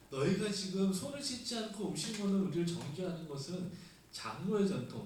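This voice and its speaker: A man's voice: high voice, a little mellow. Man preaching in an echoey room. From South Korea. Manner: explanatory, conversational preaching with rhetorical questions. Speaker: pastor. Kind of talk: sermon. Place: church sanctuary. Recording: echoey room, mic at a distance, faint hiss.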